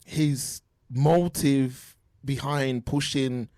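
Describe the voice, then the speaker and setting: A man's voice: mid-range voice, fairly even intonation, extremely slow, darkish tone, no echo, clean studio sound. A man hosting a casual opinion talk over an online call, emphatic and repeating his points. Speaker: podcast host.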